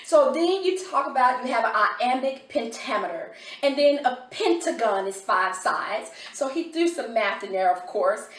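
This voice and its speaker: A woman reviewing a homeschool curriculum in a casual vlog, talking with excited enthusiasm. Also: a little high, moderate pace, echoey room, recorded from a distance.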